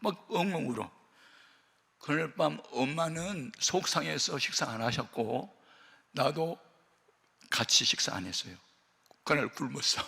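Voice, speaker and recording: A man preaching a sermon as pastor, an animated storyteller who acts out the quotes. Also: a little high, a little slow, vocal fry, pauses often, breathy edge, big-room sound. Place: prayer house worship hall.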